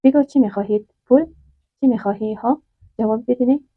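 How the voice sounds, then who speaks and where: A woman's voice: fairly high pitch, no room sound, close to an everyday voice. A woman voicing a distressed young woman who pleads with her father and defies a forced marriage in a storybook tale. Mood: defiant. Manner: pleading and defiant. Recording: dry, tinny phone-like sound.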